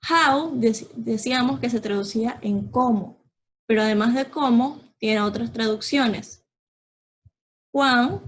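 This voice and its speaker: A woman teacher with a husky, slightly breathy voice and a fairly high pitch. She talks very slowly and patiently as she explains a lesson, checking in often with her students. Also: rough recording. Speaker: English teacher. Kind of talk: slow explanatory online lesson.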